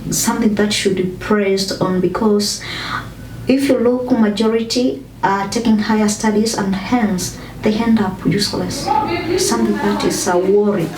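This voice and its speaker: A woman from Kenya hosting a motivational discussion, giving earnest advice with frequent pauses and fillers. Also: medium pitch, steady tone, a crowd in the background. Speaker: host. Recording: echoey room, distant mic, faint noise.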